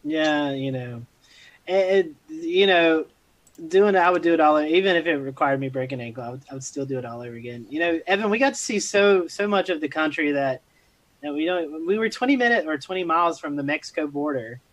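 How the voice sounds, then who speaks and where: A man's voice: a little high, brisk, a bit bright, poor audio. A man chatting casually as a storm chaser, rambling and repeating his phrases. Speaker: storm chaser on a weather show. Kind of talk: casual chat with some field reporting.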